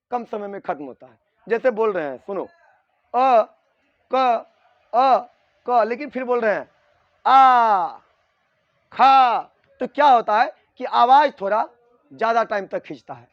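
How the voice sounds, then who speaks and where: High-voiced man teaching Hindi grammar. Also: dry recording, dull audio. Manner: repeats points and quizzes students with rhetorical questions; sounds out vowels slowly to show their length. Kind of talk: classroom lecture.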